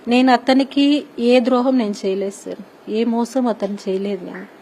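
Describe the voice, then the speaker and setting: A woman's voice: a little high, fairly even intonation, moderate pace, mellow, slight background noise, poor audio. A woman in her thirties giving a distressed, pleading news interview, repeatedly addressing the interviewer respectfully.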